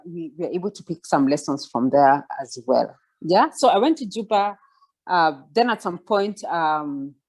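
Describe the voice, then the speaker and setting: A woman in her forties gives a reflective mentoring talk as a guest speaker over a video call, full of fillers and restarts, asking listeners to follow along. Her voice is on the low side and a little mellow, and the recording is rough.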